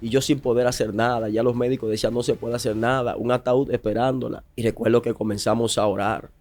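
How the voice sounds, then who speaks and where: A man's voice: medium pitch, level tone, fast talker, darkish tone. A man from the Dominican Republic, a pastor, telling a personal testimony with rising emphasis. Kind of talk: emotional testimony.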